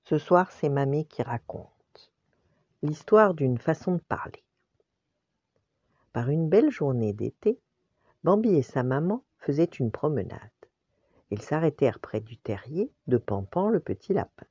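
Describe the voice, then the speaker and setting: An older woman, a grandmother, reading a bedtime story in a gentle, unhurried way. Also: low-pitched, big pitch swings, slightly rough, no room sound, dull audio.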